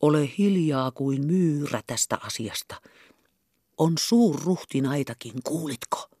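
A woman's voice: sits low, expressive, no echo, clean studio sound. Brief: secretive male captain, earnest, half-whispered, read by a woman. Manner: earnest, hushed conspiratorial.

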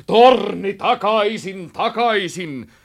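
A man reading a storybook aloud and voicing a loud, stubborn male police chief who stammers when he argues. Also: on the high side, big pitch swings, voice pushed up, full character voice. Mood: shouting orders.

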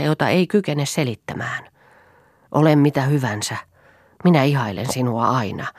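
A woman's voice: very deep voice, a little mellow, no room sound, studio quality, exaggerated voice. A woman reading as an impassioned pleading man. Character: passionate man pleading with an old friend.

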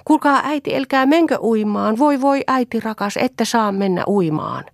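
A woman's voice: on the high side, lively intonation, gravelly, no room sound, studio quality, pitched above the performer's own voice. A woman voicing frightened young sisters who plead and wail for their mother in a storybook. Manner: pleading, wailing calls.

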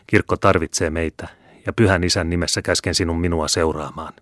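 A man's voice: steady tone, fairly bright tone, no room sound, studio quality. A man doing a stern, scheming Jesuit monk. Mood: commanding. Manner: low commanding menace.

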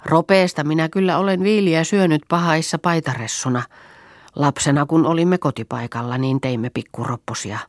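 A woman reading the part of a motherly, homely farm mistress in an audiobook, gently bossy and fond of proverbs. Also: sits low, no room sound, studio quality, lightly acted.

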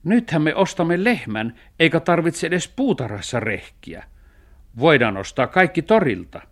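A man voicing a thrifty, sensible male cat in a children's radio story, talking in a dry, reasoning way with a sharp tongue. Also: on the high side, very animated, pitched above the performer's own voice. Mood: explaining.

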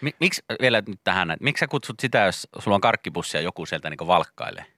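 Lively low-voiced male radio co-host. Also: no echo, clean studio sound. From Kemi, Finland. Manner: animated, jokey, drawn-out emphasis. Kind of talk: casual morning radio chat.

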